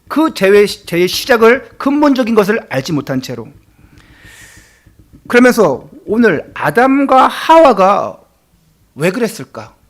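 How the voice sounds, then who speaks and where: Male pastor, Sunday sermon, high lively voice, earnest rhetorical questions.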